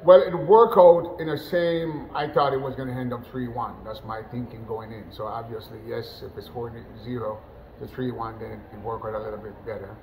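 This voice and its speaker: A middle-aged man from Jamaica talks easily about a match, his voice at an average pitch for a man. He rambles a little, leaning on fillers and restarting phrases. A steady, clearly audible noise runs underneath the webcam sound. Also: fairly quick. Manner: relaxed, conversational, many "you know" fillers and restarts. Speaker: national team football coach. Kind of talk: post-match interview. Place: indoors, in front of a sponsor backdrop.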